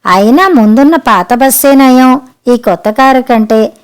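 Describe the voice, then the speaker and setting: A woman voicing a pious, easily alarmed old mother-in-law in a storybook reading, with sudden high exclamations. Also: a little slow, smooth. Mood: grumbling.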